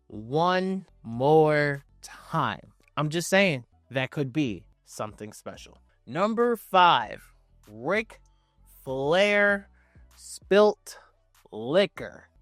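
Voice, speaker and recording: A man with a slightly high voice hosts a countdown in casual, opinionated style. He leans hard on key phrases, repeating them and using slang for emphasis. The sound is very dry, with faint music underneath. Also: a bit bright, no room sound. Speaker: video host ranking wrestling promos.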